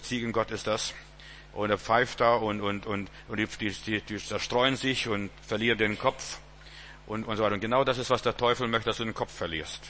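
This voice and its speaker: Man, preacher, sermon, bright voice, rambling, repeats words, faint hum behind. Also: mid-range voice.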